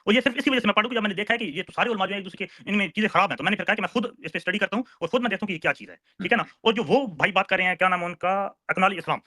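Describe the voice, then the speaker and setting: Young man in his twenties, insistent debater, high and rushed, dry sound. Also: pushed and bright, no room sound. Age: 20s. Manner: insistent, keeps asking to be heard. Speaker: student caller in a debate. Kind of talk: heated online debate.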